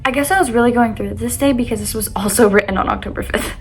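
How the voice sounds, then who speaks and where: A woman's voice: on the high side, quick pace, faint music behind. A young adult woman reading personal poems aloud with casual commentary, in an earnest, vulnerable and slightly self-conscious way. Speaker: vlogger reading their own poetry.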